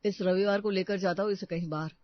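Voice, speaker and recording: A man's voice: high-pitched, steady tone, quick pace, dry recording, close to an everyday voice. A man voicing an agreeable young husband in a cartoon family story, speaking in an easygoing, conciliatory way. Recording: dry, dull lo-fi voice track.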